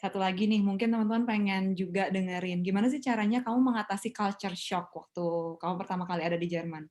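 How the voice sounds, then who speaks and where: A woman hosting an online question session, asking curious questions briskly. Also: medium pitch, steady tone, darkish tone. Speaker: host, session moderator.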